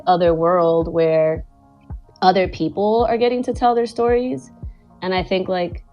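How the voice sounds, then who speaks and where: A woman from Venezuela, appearing as a guest animator and director, rambles casually in an online audio space, leaning on "like" and "you know." Her voice runs on the low side and slightly mellow, and the recording is rough.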